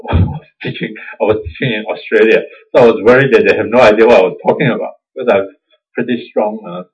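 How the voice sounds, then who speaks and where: Over a dull, lo-fi recording, a man speaks quickly in a fairly low, slightly rough voice with a Singaporean accent. He is a Buddhist teacher delivering a casual dharma talk, laughing at himself and chuckling frequently as he goes.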